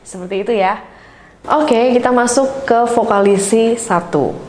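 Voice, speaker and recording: A woman vocal coach giving an online singing lesson. She speaks to learners in a friendly way with many "eh" fillers, and between explanations she sings scales and warm-up syllables. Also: a little high, unhurried, music in the background.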